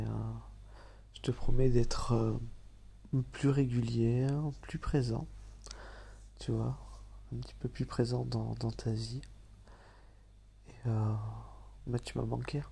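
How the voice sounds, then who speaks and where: A man with a nasal, slightly hoarse voice, speaking softly and hesitantly in a whispered role-play. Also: mid-range voice. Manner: hesitant, soft, apologetic, with many fillers and soft laughs.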